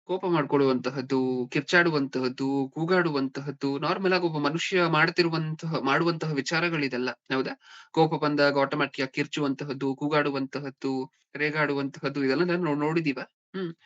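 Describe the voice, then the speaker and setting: A man's voice: on the high side, steady tone, moderate pace, a bit bright. A man preaching a sermon, often checking in with his listeners with rhetorical questions. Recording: dull lo-fi recording.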